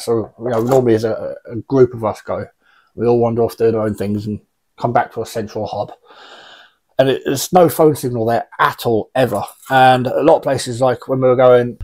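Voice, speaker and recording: In a small indoor radio room, a forty-something British hobbyist reviews gear casually and without a script, blunt, wry and prone to rambling. His voice is medium-pitched with a darkish tone.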